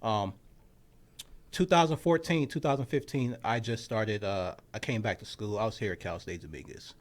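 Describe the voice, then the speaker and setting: A young man, a sports journalist, tells a story in casual podcast chat, animated and full of fillers, dropping low when he quotes his own thoughts. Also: moderate pace. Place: outdoors on college grounds.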